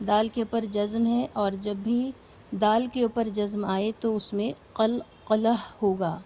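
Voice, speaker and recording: A woman teaches a recitation class with a patient, step-by-step manner. Her voice is warm and mellow, at an ordinary middle pitch. Now and then she stops to ask her students questions. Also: fairly even intonation, a little hiss or hum. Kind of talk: explaining lesson to a class.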